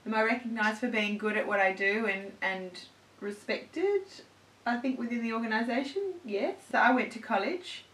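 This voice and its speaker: A woman's voice: on the high side, moderate pace, a bit bright. A woman, chatting upbeat and at length as host of a beauty Q&A on her couch. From born in the USA, raised in Australia. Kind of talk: casual Q&A chat. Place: indoors at home on a couch. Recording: roomy, mic at a distance.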